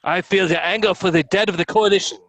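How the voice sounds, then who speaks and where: Here a man's high voice, quick and a little bright, keeps a fairly even intonation over a faint hiss or hum. He reads the part of a scornful soldier mocking a doomed captive, his archaic lines sneering and declaimed with bitter contempt for a dramatic historical play reading.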